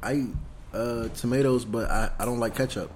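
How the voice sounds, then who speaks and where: A man's voice: medium pitch, moderate pace, darkish tone, slight background noise. A man co-hosting a podcast, teasing his friend and giggling through casual chat. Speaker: podcast co-host.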